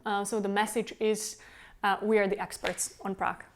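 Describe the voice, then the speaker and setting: Her delivery is flat and her speed normal, with a mid-range voice and a Czech accent. The woman, a tour guide who founded her company and speaks Czech natively, is from the Czech Republic. In the interview she responds earnestly, going into long explanations.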